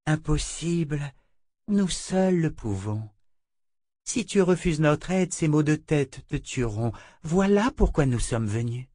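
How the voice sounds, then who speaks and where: A man's voice: a little high, expressive, slow pace, darkish tone, dry recording, studio quality, pitched above the performer's own voice. A man voicing a stern, insistent woman of a magical religious order in a storybook reading, speaking with cool gravity. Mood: grave insistence. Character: stern female sister of a sorcerous order.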